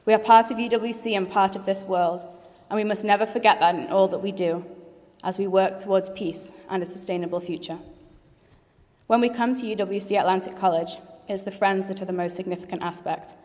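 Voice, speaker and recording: A young woman in her late teens, graduating, delivers a heartfelt formal graduation speech with a few light jokes in a large assembly hall. Her medium-pitched voice is steady and a bit dark, and she speaks a little fast. The recording has the hall's long reverb.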